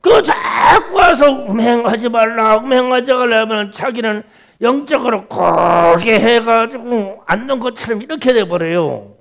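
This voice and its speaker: A pastor preaching a fervent sermon at a prayer meeting, swinging from hushed, drawn-out talk to loud shouting. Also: male voice, very high-pitched, vocal fry.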